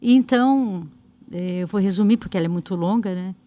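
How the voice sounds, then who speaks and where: A woman's voice: medium pitch, a little fast, mellow, no echo. A woman with a Brazilian Portuguese accent, a guest singer telling her personal faith testimony in an earnest way, acting out the dialogue. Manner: storytelling with quoted dialogue, earnest.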